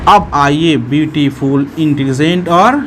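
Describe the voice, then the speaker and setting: A man teaching an English grammar lesson, explaining step by step and repeating words slowly, syllable by syllable. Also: on the high side, background noise.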